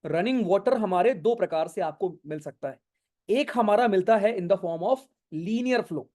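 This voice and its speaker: A male geography teacher giving an online exam-prep lecture, explaining slowly with many English terms, often checking whether students follow and scolding them for going off topic. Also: high voice, darkish tone. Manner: mixes English terms into speech, keeps asking if it is clear. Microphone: no earphones, talking to an online class.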